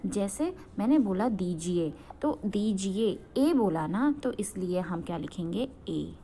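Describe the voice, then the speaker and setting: A woman's voice: mid-range voice, lively intonation, slow, dark tone, a little hiss or hum. A young adult woman from Uttarakhand teaching a grammar lesson, asking questions and answering them herself, often checking that students follow. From Uttarakhand, India.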